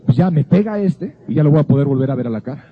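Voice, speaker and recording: A man's voice: a little high, expressive, fast talker, breathy edge. A man giving an earnest Bible teaching, telling a personal story in a conversational way. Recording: phone-like narrow sound.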